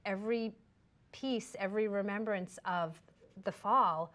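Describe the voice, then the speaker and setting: A woman speaking in an even, middle pitch, recounting an experience in a calm, unhurried manner. She is a craniosacral therapist talking things over in a relaxed conversation, reflective rather than dramatic. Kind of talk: casual conversation.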